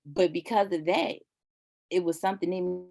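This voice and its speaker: A woman's voice: lowish voice, normal speed, creaky, dark tone. A woman candidly telling an emotional personal story in a conversational way. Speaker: guest speaker.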